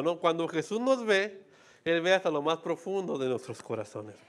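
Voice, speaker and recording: A pastor delivers a sermon in a loose, conversational way. His voice sits fairly high for a man. He keeps checking in with the listeners and slips into short acted-out quotes as he goes. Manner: conversational, asks "¿no?" and "¿sí?" often; acts out quoted voices in asides.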